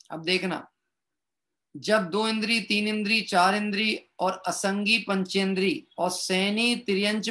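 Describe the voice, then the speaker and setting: Guy preaching scripture with a high voice, keeps asking the listeners stuff and answering it himself. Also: bright, forceful tone. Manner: asks the listeners questions and answers them himself; reads from a text and then explains it. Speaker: Jain religious teacher. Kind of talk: scripture discourse. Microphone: online streamed talk.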